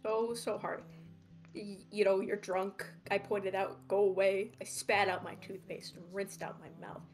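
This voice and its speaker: A woman reads a dramatic story aloud on a live stream, breaking off for sarcastic, profane asides. Her voice sits at a middling pitch, with quiet music playing behind her. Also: fairly even intonation, measured pace. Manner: sarcastic, swears freely, breaks off to joke. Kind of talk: reading a story aloud with casual commentary.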